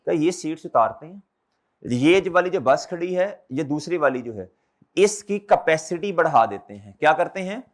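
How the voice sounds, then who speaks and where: A man's voice: on the high side, lively intonation, normal speed. A man teaching an accountancy class, often repeating his questions back to the students and calling them brother and children. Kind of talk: classroom lecture.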